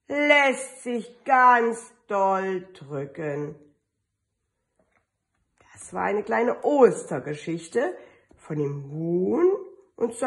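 Lively, slow-reading kindergarten teacher woman. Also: sits high. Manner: slow, lively storytelling with sing-song refrains. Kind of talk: reading a picture book aloud to children.

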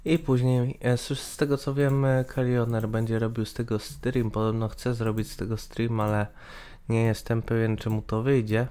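With a mid-range, warm and clean voice, a young man from Poland in his twenties offers his opinion at a level tone and normal speed. He hosts a gaming channel and speaks hesitantly, full of fillers and restarts. He is recorded by a webcam in a small room, placed in the corner of a screen capture.

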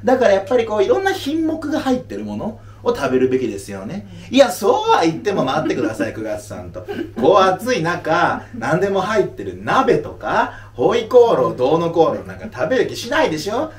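Animated man in a roomy live venue. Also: a little high, a little fast, few pauses, recorded from a distance. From Aomori, Japan. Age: 30s. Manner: playful, mock-serious lecturing, laughs often. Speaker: stand-up comedian. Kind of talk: casual Q&A talk after a live show.

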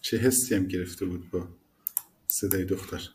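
A man's voice: low voice, fairly even intonation, darkish tone, slight background noise. A man teaching a language lesson, explaining phrases animatedly and repeating the key words.

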